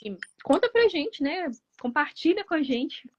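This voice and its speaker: A woman's voice: high-pitched, sing-song, unhurried, highs cut off. A woman host with a Brazilian Portuguese accent, chatting in a live interview with many hesitant restarts.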